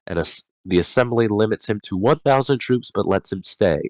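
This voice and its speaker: A man's voice: fairly low pitch, animated, normal speed, darkish tone, no room sound, low-quality recording. A man hosting a casual book discussion, reading chapter summaries from his notes and often stumbling and correcting himself.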